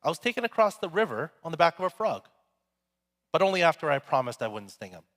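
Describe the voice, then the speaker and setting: A man's voice: on the high side, very animated, quick pace, a bit bright, voice pushed up. A preacher voicing a male scorpion who says stinging is his nature, in a storytelling manner. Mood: matter-of-fact. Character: boastful male scorpion, stuck in his ways. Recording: echoey hall.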